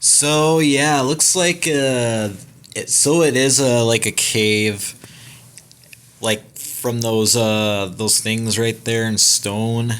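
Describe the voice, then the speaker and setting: A man's voice: medium pitch, steady tone, slow, fairly bright tone, smooth. A young man hosting a gaming channel, giving a casual, rambling trailer breakdown with many fillers, restarts and casual swearing.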